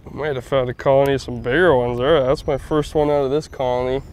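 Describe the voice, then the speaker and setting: With a medium-pitched voice and a fast delivery, this outdoorsy host in his thirties talks through fishing methods aboard a boat. He's relaxed and explanatory, laughing often as his excitement builds, and slight noise can be heard behind him.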